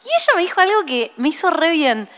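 A woman in her late thirties speaks with a Rioplatense Spanish accent in a high voice. She tells stories in a chatty, animated way as a podcast co-host. A long reverb hangs on her voice. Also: fairly quick. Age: late 30s. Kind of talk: casual chat.

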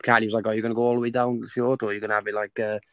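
A man's voice: on the low side, little pitch movement, rapid-fire, a bit bright, no echo. Sweary man telling a story. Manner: swears a lot, laughs at his own story, acts out quotes. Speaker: podcast co-host. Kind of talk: casual chat, storytelling.

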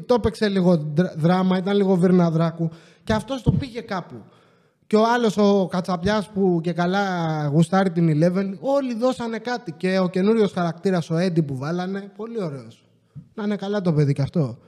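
A man's voice: high-pitched, a little mellow, big-room sound. A man hosting a podcast, ranting in a casual, sarcastic way and swearing often. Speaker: podcast host. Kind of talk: casual comedic rant.

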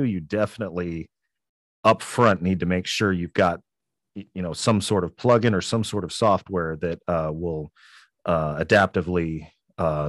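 Low-voiced man, relaxed and rambling. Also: no echo, studio quality. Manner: relaxed, rambling with many fillers. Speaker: podcast guest. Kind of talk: casual interview chat.

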